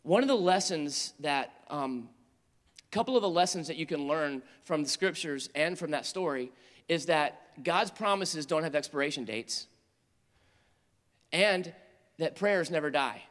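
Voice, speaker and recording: A man preaching to teenagers in an earnest storytelling manner, rising to urgent appeals and dropping to quiet, tender moments. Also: on the high side, animated, unhurried. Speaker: youth pastor. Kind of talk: sermon to teenagers. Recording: long hall reverb.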